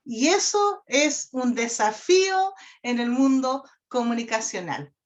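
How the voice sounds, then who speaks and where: A woman's voice: high-pitched, expressive, slow pace. A woman instructor giving a lecture on communication, checking in with her listeners often. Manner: addresses class directly, frequent "¿ya?" and "¿cierto?" check-ins. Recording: dull lo-fi audio.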